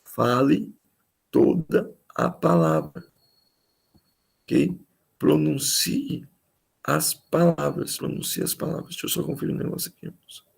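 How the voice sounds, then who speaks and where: Man, pastor, very gravelly voice, teaching in a chatty way, repeats his points. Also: a little high, big pitch swings, a little slow, long pauses, poor audio. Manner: conversational, repeats key phrases for emphasis. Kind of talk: teaching tips on preaching. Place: live-streamed church talk.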